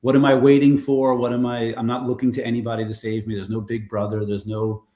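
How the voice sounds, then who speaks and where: Talking fast in an echoey room, a mid-range-voiced American guest recounts his days as a bar owner in Korea, rambling casually through animated stories and often starting sentences over.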